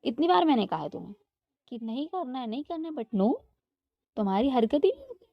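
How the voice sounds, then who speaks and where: A stern middle-aged mother scolds her daughter in fast, insistent bursts, as a storyteller puts her on. The voice sits on the high side. The recording is dull and lo-fi with a dry, close sound. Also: very animated, no room sound. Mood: scolding.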